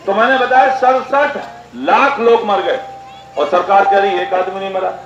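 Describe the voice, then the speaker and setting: A man giving a political speech to a village gathering, repeating figures and questions and rising to indignant shouts. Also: high-pitched, fairly even intonation, moderate pace. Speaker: political party speaker. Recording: echoey, dull PA sound with crowd noise.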